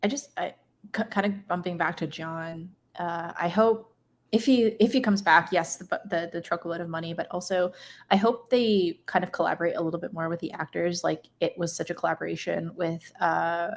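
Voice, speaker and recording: A woman's voice: fairly low pitch, steady tone, moderate pace. A woman co-hosting a podcast in casual chat, wry, with hesitant restarts. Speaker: podcast co-host.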